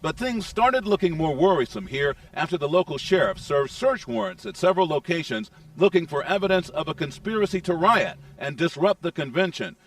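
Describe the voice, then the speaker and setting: A man's voice: on the high side, expressive, a little fast, hardly any pauses, dry recording, recorded from a distance. A man delivering a composed, scripted news report. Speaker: news correspondent.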